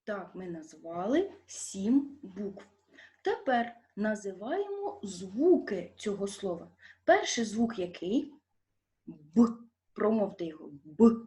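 A woman teaching a primary school lesson with a Ukrainian accent, asking young children questions and stretching out stressed syllables slowly and clearly. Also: mid-range voice, very animated, dark tone.

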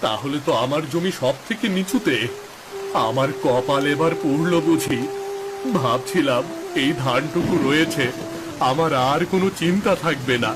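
A man's voice: fairly high pitch, moderate pace, background noise, natural voice. Man acting Bikash, a worried village farmer. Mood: dismayed. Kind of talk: Bengali cartoon voice acting.

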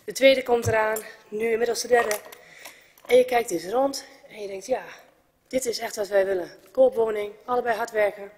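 Husky young woman addressing a council. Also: fairly high pitch, steady tone, moderate pace, darkish tone. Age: 20s. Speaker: resident speaking at council debate. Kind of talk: prepared public statement. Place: council chamber. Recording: reverberant council chamber.

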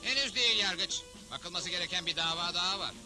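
An actor playing a wry, assured, fair-minded cowboy hero in a dubbed Western cartoon. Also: male voice, sits high, brisk, close to an everyday voice. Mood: firm, assured. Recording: loud background music.

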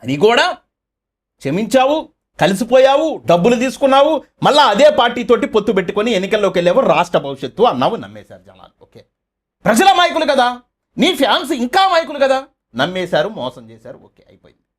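A man's voice: extremely high pitch, very animated, fast. A man, running his own channel and delivering a fiery, accusatory political commentary full of rhetorical questions.

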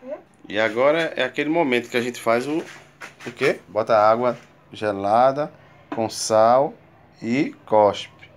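Young father, mid-pitched, patient and coaxing, casual home-video talk with faint background noise. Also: unhurried. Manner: patient, coaxing, giving step-by-step instructions. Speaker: father filming his son.

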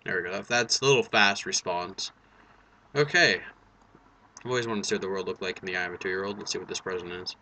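A man's voice: low-pitched, quick pace, sharp tone, slight background noise, rough recording. A young man giving casual let's play commentary, joking, swearing and reacting as he plays. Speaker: gaming video host.

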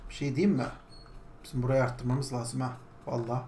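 A woman gaming streamer with a very deep, mellow voice talks casually and chattily through her gameplay, speaking fairly quickly with little pitch movement. Now and then she coaxes her pet bird, which squawks in the background, and the room is echoey and noisy.

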